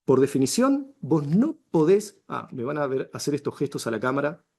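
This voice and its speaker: Animated Rioplatense man teaching public speaking. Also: a little high, normal speed, vocal fry. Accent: Rioplatense Spanish. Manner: emphatic, animated teacher with rhetorical questions. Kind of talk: workshop lesson to camera. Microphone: camera he controls with arm signals.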